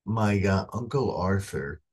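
A man's voice: low voice, expressive, takes it slowly, darkish tone, slightly rough. A man, a pastor, interviewing a church member in a jovial way and telling funny anecdotes. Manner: jovial, tells anecdotes, laughs easily. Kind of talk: casual conversational interview.

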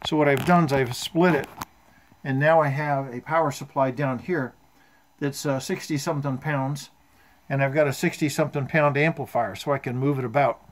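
In his home workshop, an amateur radio hobbyist in his seventies gives an informal, matter-of-fact show-and-tell of his homemade radio equipment. His voice is mid-range, fairly even in intonation, at a moderate pace.

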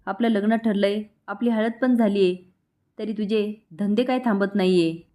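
A woman's voice: medium pitch, steady tone, normal speed, warm tone, close to an everyday voice. A woman voicing a spoiled, scheming young woman who scolds and taunts. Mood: angry taunting.

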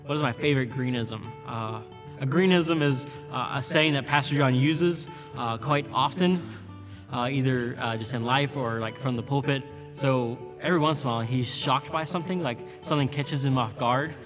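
A man's voice: medium pitch, moderate pace. A man in a video interview, talking casually with frequent "uh" fillers. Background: music bed.

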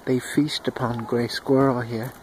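A man narrating a home video in a hushed, mock-solemn wildlife documentary manner, outdoors in a yard. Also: medium pitch, level tone, unhurried, low-quality recording. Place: outdoors in a yard with chickens and dogs. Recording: outdoor noise with bird calls.

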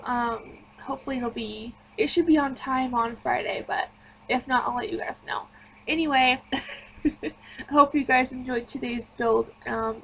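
A woman's voice: sits high, vocal fry, a little hiss or hum, poor audio. A woman giving casual, rambling voice-over commentary on a home-building game. She sounds tired and chatty, drifting from one thought to the next. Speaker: gaming YouTuber.

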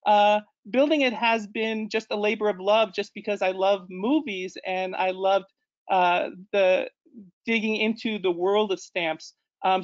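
A man in his forties, originally from Ecuador, gives an online slideshow talk as a guest presenter over a video call from an indoor room. He sounds hesitant, using many fillers and correcting himself often. His voice is high, and the audio is dull.

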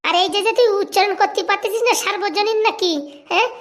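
In comic cartoon voice acting, a woman plays the shrill village wife of a poor priest, nagging and scolding. She talks fast and mocks him, her tone steady and fairly bright.

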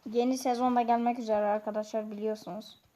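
A woman giving chatty, excitable commentary on her own gameplay, talking straight to her viewers. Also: a little high, fast talker. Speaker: gaming YouTuber. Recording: dull lo-fi sound.

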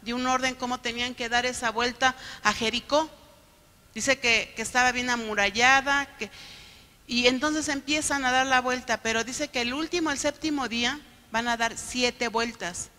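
A woman pastor preaching a sermon, often checking in with the congregation with quick questions. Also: fairly high pitch, fairly even intonation, bright, forceful tone. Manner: keeps asking the congregation "¿no?". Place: church sanctuary. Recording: long reverb of a church hall.

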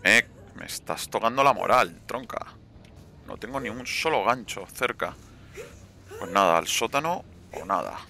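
Casting: young man, gravelly low voice with lively swings, swearing gamer commentary, faint noise behind. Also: a little slow. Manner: swears, taunts players. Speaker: gameplay commentator. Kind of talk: live gameplay commentary.

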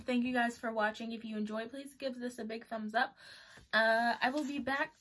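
Chatty, breathless young woman vlogging. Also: fairly high pitch. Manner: chatty, animated, talks to viewers. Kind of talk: casual product review vlog. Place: home.

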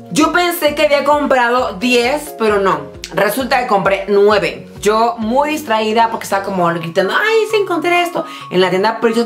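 Tired but bubbly woman vlogger. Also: medium pitch. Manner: bubbly, excitable, talks straight to viewers. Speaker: vlogger showing a shopping haul. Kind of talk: casual chatty product show-and-tell.

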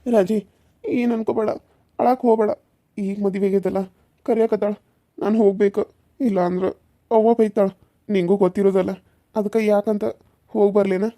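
A woman voicing a gentle young village husband in a cartoon serial. He pleads softly and apologetically. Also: mid-range voice, fairly even intonation, normal speed, pauses often, close to an everyday voice. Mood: pleading. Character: gentle young village husband, torn between two wives.

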